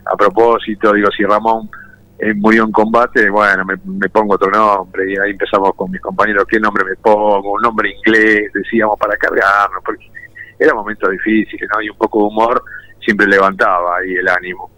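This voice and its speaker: A man's voice: fairly low pitch, level tone, fairly quick, sharp tone, no room sound, rough recording. A man in his fifties from Argentina, a war veteran telling his own story in an interview in a reflective, storytelling way. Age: 50s. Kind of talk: personal testimony in an interview.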